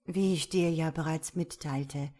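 A calm male police officer with a low, plain, measured voice, read by a woman telling a storybook. He speaks evenly and carefully.

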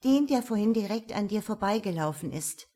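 A woman voicing a wry, sharp-tongued female detective in a storybook reading. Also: mid-range voice, expressive, normal speed, natural voice.

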